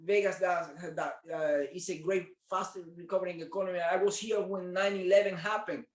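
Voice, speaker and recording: A Cuban man who owns a martial arts studio answers interview questions earnestly, repeating words as he hunts for them. His voice is high and steady at a moderate pace, and the recording sounds roomy.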